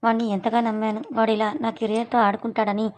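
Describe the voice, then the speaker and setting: A woman's voice: a little high, flat delivery, fast talker, darkish tone, lightly acted. A woman voicing a hot-tempered young businessman. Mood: angry. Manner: angry and scolding.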